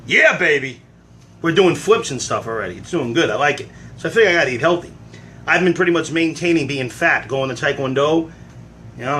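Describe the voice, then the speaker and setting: Man, livestream host, bright and slightly high, rambling, self-deprecating home chat. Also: slight background noise. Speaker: livestream host answering fan questions. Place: at home cooking eggs. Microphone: phone.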